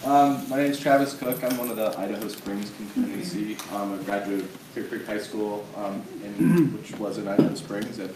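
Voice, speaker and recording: Halting low-voiced man. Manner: halting, many "um"s. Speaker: historic mill volunteer. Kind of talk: self-introduction at a meeting. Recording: echoey room, distant mic, loud noise.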